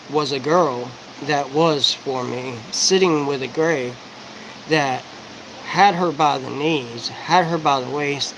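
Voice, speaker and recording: High-voiced man rambling fast. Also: a bit bright, slight background noise, rough recording. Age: 40s. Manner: rapid, profane, rambling and disjointed. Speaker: livestreamer. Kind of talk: rambling live-stream monologue.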